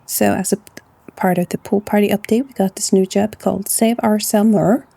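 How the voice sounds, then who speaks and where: A Norwegian-accented woman chats her way through a game, her voice mellow and warm at a middle pitch. She often slips into a soft half-whisper between remarks. The sound is close and dry, with no room around it. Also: fairly even intonation, normal speed, vocal fry, slightly rough, no room sound. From Norway. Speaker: gaming channel host. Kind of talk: casual let's-play commentary.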